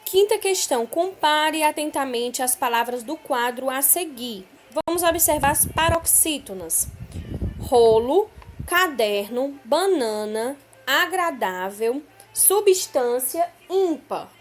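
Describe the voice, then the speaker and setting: A woman's voice: sits high, animated, slow pace. A woman teaching a school lesson, explaining step by step and asking the class questions.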